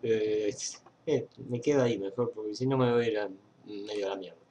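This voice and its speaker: A man's voice: lowish voice, fairly even intonation, fairly quick, mellow, highs cut off, slight background noise. A young man from Argentina with an Argentine accent, hosting a fan page in a casual webcam news chat, rambling with many fillers and restarts, indoors on a webcam mic. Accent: Argentine Spanish. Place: indoor room at a computer.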